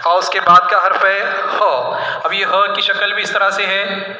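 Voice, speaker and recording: A man's voice: sits high, level tone, a little slow, pushed and bright. A man teaching an Urdu alphabet lesson in a patient way, asking questions and answering them himself. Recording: echoey room.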